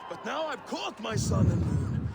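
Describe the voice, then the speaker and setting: Drunk sentimental viking warrior for a game, gravelly, really slow, big emotional swings. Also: male voice, high voice, sing-song, exaggerated voice. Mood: wistful, boastful. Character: drunken, boisterous, sentimental Norse warrior man. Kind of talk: video game voice acting. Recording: loud background noise.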